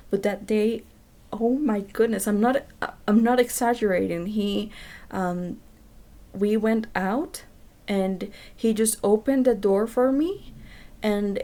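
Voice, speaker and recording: A young woman with a mellow, relaxed voice tells a personal story straight to the camera. She rambles candidly, leans on fillers and "you know what I mean," and swears without a second thought. Her delivery stays at an ordinary middle pitch. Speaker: vlogger. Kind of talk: casual storytime monologue.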